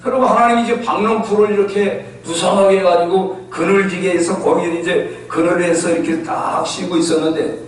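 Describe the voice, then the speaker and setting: A male pastor preaching a sermon, telling stories in a lively way and acting out the voices of the people in them. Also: high voice. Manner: animated storytelling, acting out quoted voices. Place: church sanctuary. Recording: echoey church hall from far off.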